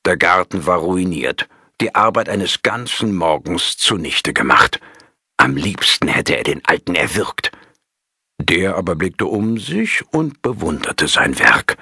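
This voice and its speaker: Man narrating a story, slow and lively, bit breathy and dry. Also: low voice, dry recording. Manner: calm, measured storytelling. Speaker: audiobook narrator.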